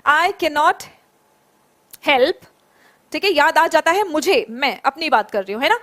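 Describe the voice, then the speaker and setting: High-voiced woman teaching English. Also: expressive, fairly bright tone. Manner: drills phrases slowly, praises students by name. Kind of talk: online spoken English class.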